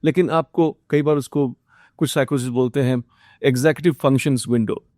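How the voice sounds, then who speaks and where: An Indian man teaching exam students, mixing English phrases into Hindi with frequent filler pauses. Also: mid-range voice, steady tone, darkish tone, dry recording, studio quality. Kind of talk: motivational study lecture.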